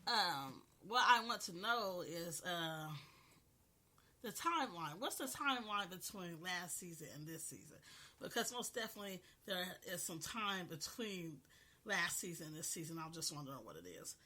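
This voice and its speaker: With a cold and a cough, this podcast host reviews a TV episode in a chatty, casual way, frequently tossing in "you know what I'm saying." Her fairly low voice sounds pushed and bright, with lively intonation at a moderate pace.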